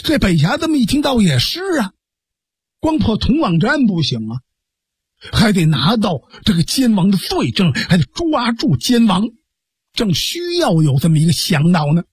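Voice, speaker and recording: Husky, animated male storyteller. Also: sits high, normal speed, dry recording, clean studio sound. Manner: lively, dramatic narration with sound effects. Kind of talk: traditional Chinese pingshu storytelling.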